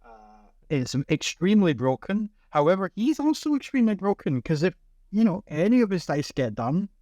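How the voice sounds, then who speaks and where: A Scottish man co-hosting a casual chat, calmly explaining game card rules. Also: high voice, normal speed, no echo, studio quality. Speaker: podcast co-host.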